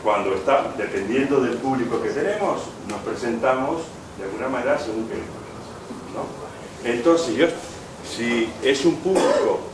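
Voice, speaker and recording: A man gives an academic lecture in a lecture hall, rambling, rephrasing often, and hesitating with many "eh" fillers. His medium-pitched voice is expressive and unhurried. It's picked up by a distant mic in an echoey hall with background noise.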